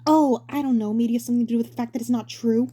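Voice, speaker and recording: A woman's voice: fairly high pitch, steady tone, racing, dark tone, pitched above the performer's own voice, natural voice. A woman voicing a hesitant, sardonic older-brother turtle in a cartoon story, dry and easily exasperated. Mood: annoyed.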